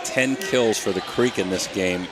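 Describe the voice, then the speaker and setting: A man hosting a high school volleyball broadcast, giving steady score recaps and lifting his voice for big moments. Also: measured pace, very noisy. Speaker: broadcast host. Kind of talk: sports broadcast score updates.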